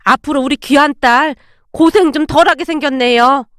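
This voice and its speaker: Brief: a woman playing a sly, sarcastic older woman, high voice, dry close sound. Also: moderate pace, dry recording, natural voice. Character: sharp-tongued older woman, the bride's mother.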